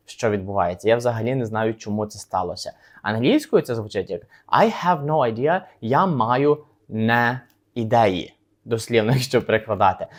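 A Ukrainian-speaking man teaching a language lesson, repeating English phrases slowly and carefully for learners. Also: mid-range voice. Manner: slow, deliberate repetition of English phrases.

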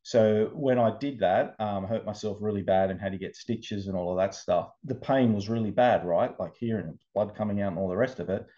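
A man, an interview guest, telling his recovery story in casual, animated talk, over a video call. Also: on the low side, fairly quick, hardly any pauses, lo-fi sound. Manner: animated storyteller, acts out quoted voices.

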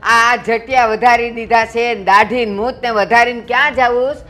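An actress playing a middle-aged, sharp-tongued mother-in-law who bluntly scolds and mocks her son-in-law. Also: on the high side, fairly even intonation, normal speed, soft background music, lightly acted. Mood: scolding.

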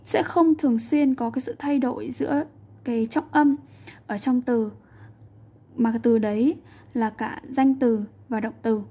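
High, husky woman teaching. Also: measured pace, warm tone. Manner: patient, repeats and translates each sentence. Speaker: English teacher. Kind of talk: explaining a textbook lesson.

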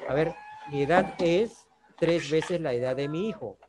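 Over a video call, a man with a Peruvian Spanish accent teaches math, explaining patiently and often checking in with "¿no?" and "¿está bien?". His voice is on the high side and a little slow, and the background is noisy.

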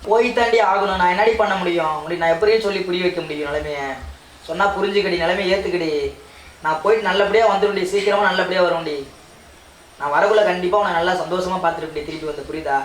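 Man as a reassuring husband heading abroad, comedy skit, quick speech, southern Tamil accent. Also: high voice, a little hiss or hum, lightly acted. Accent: southern Tamil Nadu. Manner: coaxing, repeatedly reassuring. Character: husband going abroad to repay debts. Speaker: skit actor. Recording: roomy with faint ambience.

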